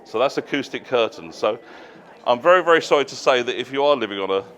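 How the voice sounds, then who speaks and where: A man giving a live presentation to an audience at a trade show, explaining things plainly with casual asides and quick self-corrections. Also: medium pitch, animated, fairly bright tone. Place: noisy exhibition hall.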